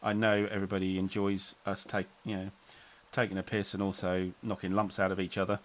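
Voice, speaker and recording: A middle-aged man hosts a relaxed chat stream, his voice sitting on the low side. He rambles, backtracks, and restarts his sentences. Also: brisk. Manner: rambling, self-interrupting, chuckling. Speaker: channel host. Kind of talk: casual livestream chat.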